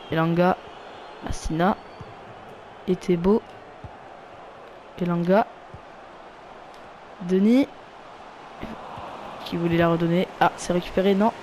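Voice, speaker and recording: In a high-pitched voice, this French-accented YouTuber narrates his football video game casually, naming players and raising his voice when a goal is scored. Slight background noise is present.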